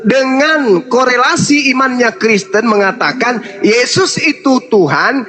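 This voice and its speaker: A man's voice: very high-pitched, expressive, a little slow, a crowd in the background. A man preacher in a heated religious debate, mocking and repeating the same taunt, with shrieking mimicry.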